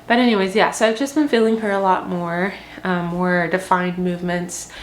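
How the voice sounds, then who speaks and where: Young woman vlogger, low-pitched, rambling chatty delivery with fillers, slightly breathless, echoey home room with faint ambience. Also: fairly even intonation, moderate pace, slight background noise. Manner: chatty, rambling, many ums and likes. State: short of breath. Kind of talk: casual pregnancy update.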